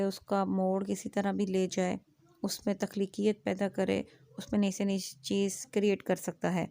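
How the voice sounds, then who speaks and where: A woman's voice: medium pitch, warm tone, dry recording. A young adult woman teaching an Urdu writing lesson, explaining step by step and spelling words letter by letter, often checking with her students. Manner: frequent "aa" fillers, asks "theek hai?". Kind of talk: classroom lecture.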